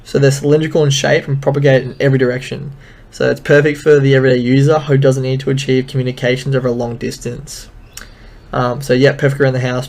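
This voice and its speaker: A man's voice: mid-range voice, a little mellow. A man giving a casual technical lesson over slides, explaining loosely with many filler ums. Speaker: instructor.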